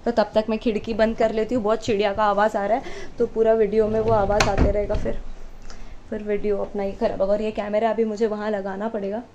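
A woman's voice: medium pitch, little pitch movement, brisk, dark tone, dull audio, a little hiss or hum. A young woman chatting casually to camera at home as a vlogger, setting up her gear as she talks. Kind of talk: casual vlog chat. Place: at home indoors.

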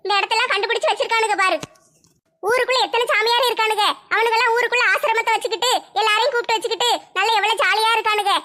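A woman's voice: very high voice, steady tone, very fast, bright, forceful tone. Woman doing a jittery rambling village wife. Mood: frightened. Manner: rambling frightened complaining. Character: fearful chatty village woman, mother of two.

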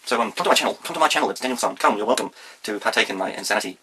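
Bright, creaky Kiwi man, broad accent. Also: mid-range voice, lively intonation, racing, a little hiss or hum. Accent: broad New Zealand (Kiwi). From New Zealand. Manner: goofy, playful, repeating phrases. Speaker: vlogger, guest presenter. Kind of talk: casual rambling chat to camera. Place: small plain room indoors. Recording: roomy indoor echo.

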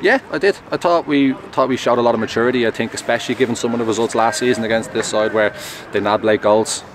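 A young man, a goalkeeper, answering post-match questions in a measured, earnest way, outdoors at a stadium at night on a close mic. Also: mid-range voice. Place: outdoors at a stadium, in front of a sponsor board at night. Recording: outdoor traffic noise.

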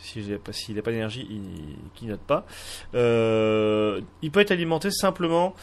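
A man's voice: on the low side, expressive, moderate pace. A man with a French accent hosting a casual game tutorial, talking hesitantly with many fillers and restarts. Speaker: Minecraft mod tutorial host. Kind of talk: casual screen-recorded tutorial.

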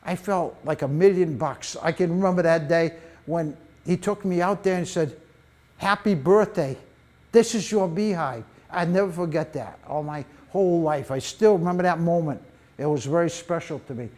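An older man giving a public talk on beekeeping in a library meeting room, an animated storyteller with folksy asides, speaking on a lapel mic. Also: a little high, moderate pace. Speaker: beekeeping presenter.

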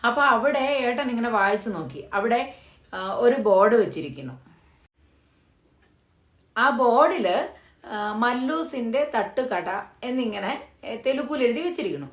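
A woman's voice: a little high, lively intonation, measured pace, pauses often, roomy sound. A woman from Kerala vlogging casually, explaining things step by step with lots of fillers. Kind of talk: casual storytelling vlog. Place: living in Hyderabad.

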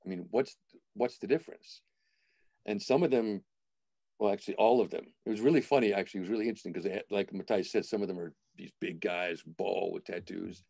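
A reflective man in his forties talks through a webcam from a small room at home. His voice is low and mellow, and it sounds dry and close. He restarts his thoughts as he works out what he means. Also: brisk, vocal fry, dry recording. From United States. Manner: reflective, restarts phrases while thinking aloud. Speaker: film director. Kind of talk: video call interview. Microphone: video call webcam.

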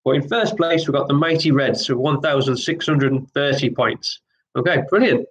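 A man hosting an online pub quiz, reading each question twice and chatting between rounds in a relaxed, apologetic way. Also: mid-range voice, normal speed, low-quality recording. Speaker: quiz host.

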